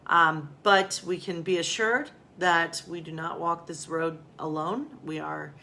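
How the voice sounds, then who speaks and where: Her voice sits on the low side, with fairly even intonation, vocal fry, and a sharp tone, and she speaks a little slowly. A woman pastor, she talks to listeners like friends in a casual, somewhat rambling way and reads bedtime storybooks for children.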